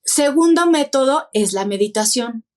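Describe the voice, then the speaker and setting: A woman's voice: sits high, animated, normal speed, darkish tone. A woman, a podcast guest who explains things step by step and poses rhetorical questions. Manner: didactic, lists points and asks rhetorical questions. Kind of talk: explanatory interview talk.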